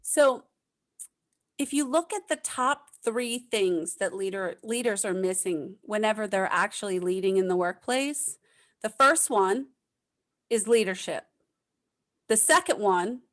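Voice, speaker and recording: A woman's voice: medium pitch, lively intonation, unhurried, long pauses, a bit bright. A woman from the United States, a leadership consultant who speaks emphatically as a podcast guest and repeats key points for effect. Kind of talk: casual interview chat.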